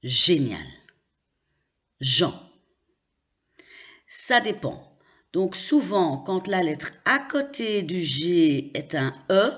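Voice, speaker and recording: Lady teacher going super slow over letters and sounds, voice bouncing up and down, kinda dull lo-fi sound. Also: on the low side. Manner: spells out letters and repeats example words carefully. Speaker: French teacher. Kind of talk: slow pronunciation lesson.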